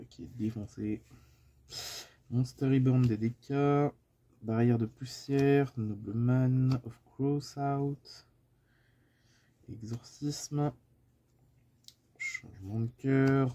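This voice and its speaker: Slow, dark-voiced French man listing cards. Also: medium pitch, slightly rough, lo-fi sound. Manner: reels off card names one after another. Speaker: card collector listing cards. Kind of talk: casual card-sorting vlog.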